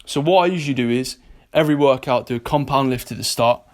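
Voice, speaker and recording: A British vlogger and personal trainer chats directly to his viewers, giving fitness tips in a relaxed, blunt, jokey way and swearing freely. His mid-pitched voice is ordinary in tone and quick in pace. Much of the vlog is recorded indoors at a gym.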